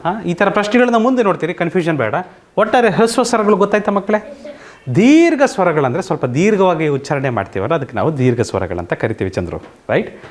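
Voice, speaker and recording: A man's voice: fairly high pitch, sing-song, fast. A man teaching children in an online coaching lesson, often asking checking questions and mixing in English words. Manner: quizzing, asks many checking questions. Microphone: single mic, online class recording.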